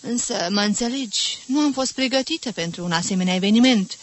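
A woman's voice: mid-range voice, close to an everyday voice. Woman voicing an effusive old society lady. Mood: gushing. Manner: gushing, theatrical, exclamatory.

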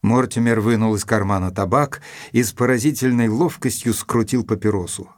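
An actor playing a composed, observant male doctor who narrates a detective story in an audio drama, in a measured, descriptive way. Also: lowish voice, close to an everyday voice. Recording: instrumental music under the voice.

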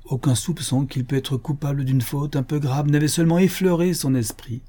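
Man, audiobook narrator, literary reading, mellow tone, measured. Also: on the high side, steady tone.

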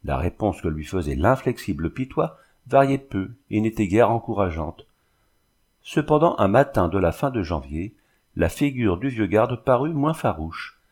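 Low-voiced man reading a novel aloud. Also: big pitch swings, moderate pace, darkish tone. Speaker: audiobook reader. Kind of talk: scripted narration of a novel.

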